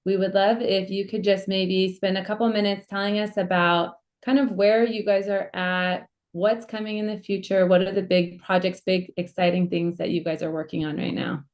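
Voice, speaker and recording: A woman co-hosting a live webinar, moderating in a friendly, relaxed way with frequent fillers. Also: mid-range voice, moderate pace, hardly any pauses. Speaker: co-host.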